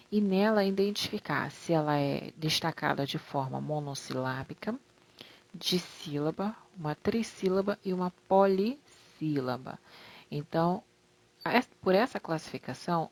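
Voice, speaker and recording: A woman with a low voice walks young pupils through a grammar lesson on slides. She explains at an unhurried pace and stretches out each example word. She talks to the class fondly. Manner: affectionate toward pupils. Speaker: teacher.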